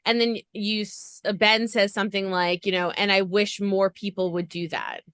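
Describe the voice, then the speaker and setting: Woman podcast host, bright voice, high pitch, dry close mic, gushing and fast-talking. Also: fairly even intonation, dry recording. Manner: gushing, talks fast in long run-on recaps. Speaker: podcast interviewer. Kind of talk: enthusiastic interview chat.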